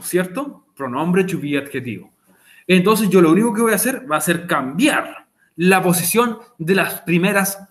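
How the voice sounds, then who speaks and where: A Chilean man with a rather high voice leads a virtual English lesson. He goes over each point more than once in an easy, conversational way and checks in with his students over the call. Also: a bit bright. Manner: patient, repeats key points, chats with students. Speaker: English teacher. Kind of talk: online class explanation. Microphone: video call.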